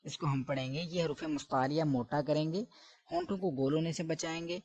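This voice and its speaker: In an Arabic letter pronunciation lesson, a man corrects common mistakes and repeats each sound several times. His voice is on the high side, brisk and a little mellow, in a dry recording.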